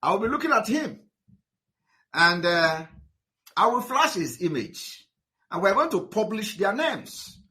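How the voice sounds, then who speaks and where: A man with a high-pitched, sharp voice swings widely in pitch, speaking a little slowly with long pauses. He addresses his livestream followers, switching between English and Igbo. His manner is combative, and he often stumbles over repeated words and fillers.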